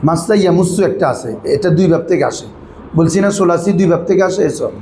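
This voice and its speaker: A male Arabic grammar teacher, drilling his students with quick questions in a patient classroom manner. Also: high voice, warm tone, echoey room, slight background noise, rough recording.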